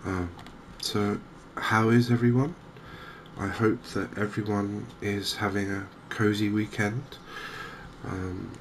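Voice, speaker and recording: Gentle and unhurried, an English gaming channel host talks softly through a game in cozy ASMR style. His voice is very low and steady, and ambient noise can be clearly heard behind it.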